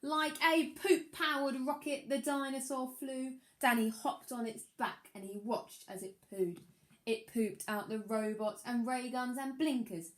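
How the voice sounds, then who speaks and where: Reading a picture book for children, a woman with a voice that sits high keeps a measured pace and an expressive, primary-teacher manner. The rhymes get dramatic emphasis.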